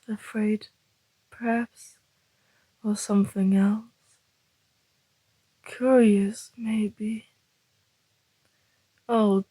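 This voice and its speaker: In an ASMR roleplay, a woman voices a suave, teasing male vampire, using a breathy, deliberate, flirtatious half-whisper. Her pitch is medium and her tone dark, with no echo but a rough recording quality.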